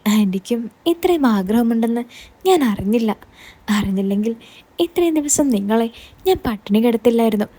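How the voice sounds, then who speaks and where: A woman voicing an eager young man who asks gentle questions and consoles. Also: a little high, animated, brisk. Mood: consoling.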